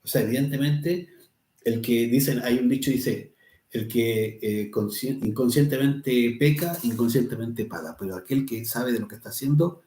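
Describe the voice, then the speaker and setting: A man's voice: mid-range voice, normal speed, dark tone, reverberant. A man teaching a spiritual lesson, talking conversationally, often tagging "¿cierto?" and quoting people. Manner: conversational, tags "¿cierto?" often, quotes people in little voices. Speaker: course teacher. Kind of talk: spiritual lesson answering a student.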